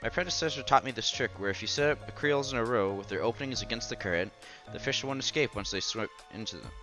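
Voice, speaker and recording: This is a fast, sharp-toned man of medium pitch who narrates a visual novel for his stream and keeps interrupting himself with casual reactions. Game music plays in the background beneath his speech.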